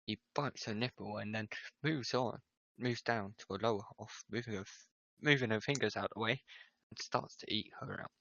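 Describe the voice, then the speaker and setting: A man's voice: fairly low pitch, moderate pace, gravelly, hardly any pauses, pushed and bright, dry recording, muffled recording. A man hosting a casual podcast, reading a story aloud and breaking into giggles as he goes. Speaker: podcast host.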